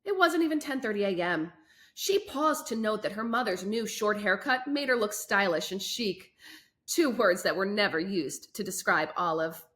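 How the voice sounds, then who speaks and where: A woman with a mid-range voice reads a children's book aloud as a host, telling the story expressively with clear enunciation and emphatic phrasing.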